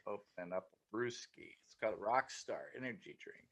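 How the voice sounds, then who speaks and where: A man's voice: lowish voice, moderate pace, gravelly, a bit bright. Man's voice cutting out in dropouts. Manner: joking, rambling. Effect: audio cutting out in dropouts. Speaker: podcast co-host. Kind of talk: casual chat. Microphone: own mic on a remote call.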